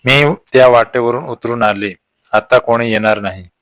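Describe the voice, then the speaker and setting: A man voicing a lonely middle-aged woman who is fragile and guarded, speaking her lines softly. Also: mid-range voice, normal speed, no room sound, close to an everyday voice. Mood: tender.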